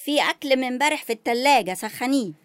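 An actress playing a suspicious, sharp-tongued elderly grandmother in a comedy sketch, speaking with an Egyptian accent. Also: high voice, animated, fast, no echo, clean studio sound. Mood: grumbling. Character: fussy elderly grandmother new to phones.

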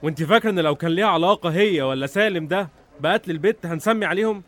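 An actor playing a brusque, sarcastic, intimidating police investigator with an Egyptian accent in a radio drama. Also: male voice, sits high, very fast, a bit bright. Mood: menacing.

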